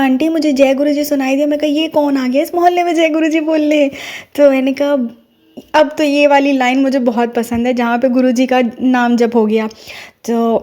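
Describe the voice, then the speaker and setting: A woman's voice: a little high, dark tone. Earnest woman recounting a devotional story. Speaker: devotee sharing a personal experience. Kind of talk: casual spoken testimony.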